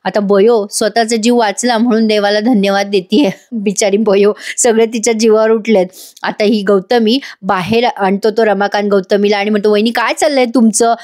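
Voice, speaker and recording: A woman's voice: medium pitch, moderate pace. A woman narrating a voice-over recap of a TV serial episode, talking directly to her viewers. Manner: lively, addresses viewers directly.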